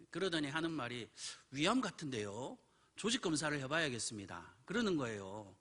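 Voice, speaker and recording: A male pastor preaching a midweek sermon, telling a personal story and acting out the voices of the people in it. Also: mid-range voice. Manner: animated storytelling, acts out quoted voices. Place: church.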